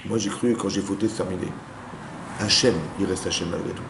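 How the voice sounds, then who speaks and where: Fast-talking rabbi in a roomy hall. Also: male voice, sits low, steady tone, creaky. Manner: keeps asking the class if they understood; mixes Hebrew terms into his talk. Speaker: rabbi teaching a women's class. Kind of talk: spoken Torah lesson. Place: lecture room with listeners. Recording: roomy room with faint background noise.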